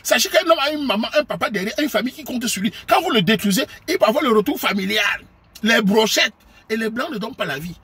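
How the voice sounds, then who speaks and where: A man from Cameroon with a Cameroonian French accent, delivering a preachy, scolding monologue to his viewers and sometimes bursting into shouts. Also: very high-pitched, expressive, fast, slightly rough. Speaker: online commentator.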